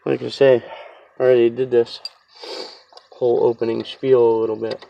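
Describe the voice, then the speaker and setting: Fighting a stuffy, sniffly cold, a man demonstrates a car repair at home, working outside in a yard on a slope and rambling along in a chatty, self-mocking how-to. His voice sits mid-range, gravelly and level in tone, moving at a moderate pace. The sound is lo-fi.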